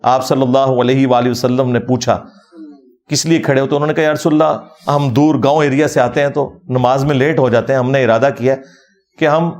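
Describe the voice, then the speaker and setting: A man's voice: medium pitch, steady tone, a little mellow. A man giving a critical religious talk in a mocking, argumentative way. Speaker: religious speaker.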